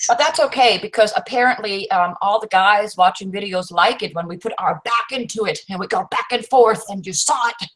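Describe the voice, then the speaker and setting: A woman's voice: mid-range voice, a little fast, a bit bright, rough recording. A woman co-hosts a casual live stream. She jokes and teases the others in a loose, playful way. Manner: joking, teasing.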